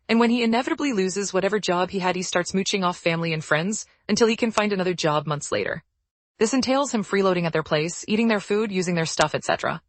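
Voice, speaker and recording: A woman narrating forum posts aloud in a brisk, even storytelling read. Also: lowish voice, no room sound.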